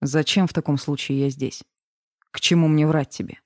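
A woman's voice: sits low, fairly even intonation, moderate pace, darkish tone, no echo, studio quality. A woman reading an audiobook, voicing a brooding, tormented adult male lover who growls and barely holds back his rage. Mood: confident.

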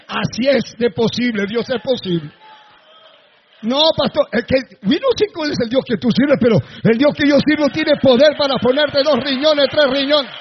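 A male pastor preaching a sermon to a congregation, with sudden shouted bursts. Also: very high voice, dull audio, slight background noise. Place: church before a congregation.

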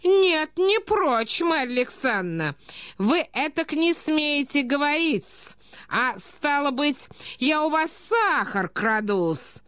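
A quarrelsome provincial lady, put on by a woman talks sharply and indignantly, clipping her words with a polite "-с" ending. Her voice is very high and slow, with wide swings in pitch. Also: sing-song, a bit bright, dry recording, studio quality, full character voice.

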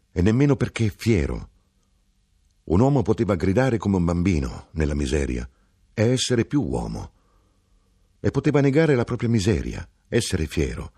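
A man with a deep, husky voice reads a literary novel aloud. His delivery is slow and reflective, with a lot of melodic movement. He sinks into quiet low asides between phrases. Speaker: audiobook narrator. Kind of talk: literary audiobook reading.

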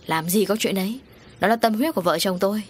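A woman's voice: mid-range voice, fast talker, slight background noise, natural voice. A woman voicing a middle-aged male landowner who hedges and then snaps in a storybook reading. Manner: hesitant, then snapping. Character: middle-aged man, a landowner, evasive and hot-tempered.

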